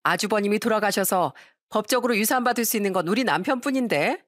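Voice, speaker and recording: A woman plays a rude, greedy young sister-in-law in a dramatized audio story. She talks with mocking, sly contempt at a middle pitch. The recording is dry and close. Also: fast, no room sound, close to an everyday voice. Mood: snide. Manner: mocking, snide.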